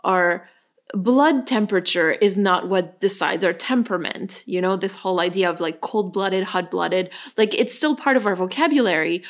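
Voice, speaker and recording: A woman's voice: on the low side, moderate pace. A woman co-hosting a podcast in casual chat, chatty and laughing often. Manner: chatty, laughs often, animated when joking. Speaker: podcast co-host.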